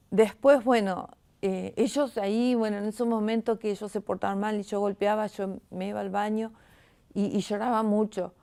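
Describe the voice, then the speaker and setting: A middle-aged woman with a Rioplatense Spanish accent gives an emotional personal testimony as an interview guest. She speaks haltingly and often restarts her sentences. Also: mid-range voice, vocal fry, mellow.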